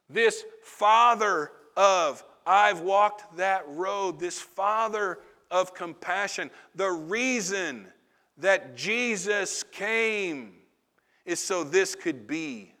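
A man's voice: sits high, expressive, extremely slow, pushed and bright. A man preaching a sermon in a conversational, confessional way, with asides to the congregation. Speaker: pastor.

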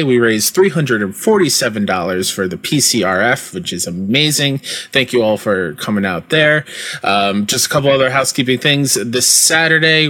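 Upbeat dude hosting a casual podcast, bright voice, laughs a lot. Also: male voice, mid-range voice. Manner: chatty, upbeat, laughs easily. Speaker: podcast host.

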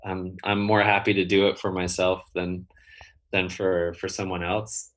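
A man being interviewed as a guest, talking casually in halting phrases with many restarts. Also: deep voice, little pitch movement. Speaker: guest, builder and rental owner.

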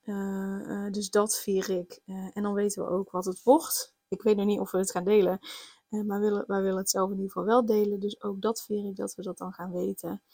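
A woman's voice: mid-range voice, level tone, brisk, warm tone, no echo. A pregnant young woman, hosting a casual solo podcast, rambling with many fillers and restarts. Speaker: podcast host.

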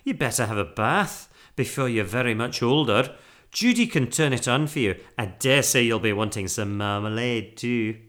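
A man voicing a fierce but kindly woman housekeeper in a storybook, brisk and emphatic. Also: mid-range voice, animated, fairly bright tone, natural voice. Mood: brisk, softening.

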